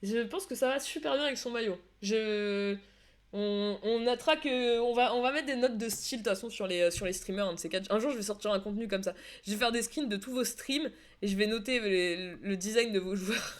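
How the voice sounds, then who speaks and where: A woman streamer with a mid-range voice and a fairly quick pace chats casually with viewers while casting a football video game match. Her live-stream esports commentary is full of fillers and restarts.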